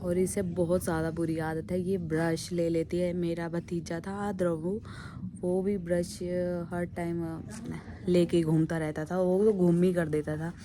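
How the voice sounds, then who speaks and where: Hoarse young woman vlogging outdoors. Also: lowish voice, level tone, measured pace, background noise. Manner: chatty, addresses viewers as guys. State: hoarse, sore throat; short of breath after stairs. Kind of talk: casual vlog chat. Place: outdoors on a rooftop, windy. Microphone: phone held by hand.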